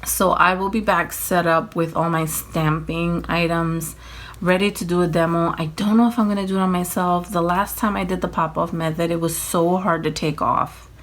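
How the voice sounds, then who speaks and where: A tired woman chatting casually through a nail-kit unboxing at home, rambling, apologizing and filling pauses with ums. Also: lowish voice, steady tone, a bit bright. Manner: rambling, apologetic, many fillers, laughs often. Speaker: nail vlogger.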